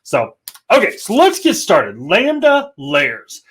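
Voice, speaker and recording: A man's voice: sits high, wildly swooping pitch, takes it slowly, fairly bright tone, breathy edge. A man hosting a casual live coding show, joking and rambling as he walks through a demo. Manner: joking, rambling, self-deprecating. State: slightly out of breath. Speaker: host of a developer livestream.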